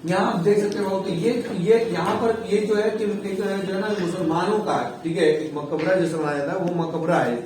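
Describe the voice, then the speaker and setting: A man's voice: high-pitched, steady tone, moderate pace, hardly any pauses, a little mellow. A man teaching a civics lesson to students in a casual way, often checking in with his listeners as he explains. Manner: casual, repeats "theek hai" and calls students "babu". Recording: echoey, far from the mic, faint noise.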